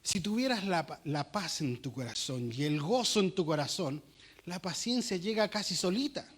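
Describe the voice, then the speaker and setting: Chilean male pastor, high-pitched, animated sermon delivery with acted-out dialogue. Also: moderate pace, breathy edge. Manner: animated preaching with acted-out quotes.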